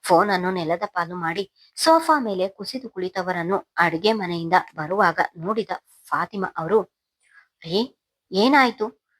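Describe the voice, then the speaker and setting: A woman narrating a Kannada novel in a steady, solemn storytelling manner. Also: on the low side, normal speed. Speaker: audiobook narrator.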